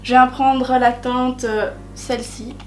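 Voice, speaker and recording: A woman's voice: high-pitched, flat delivery, slow. A young woman talking through a makeup tutorial in a chatty way, with many hesitations and self-deprecating asides. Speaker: beauty vlogger.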